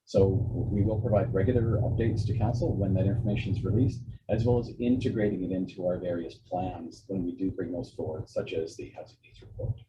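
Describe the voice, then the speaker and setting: A man on municipal staff giving a formal report to council over a muffled remote line that sounds like it's in a tunnel, talking in a measured way with frequent fillers and restarts. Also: sits low, steady tone. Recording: muffled lo-fi remote call with background noise.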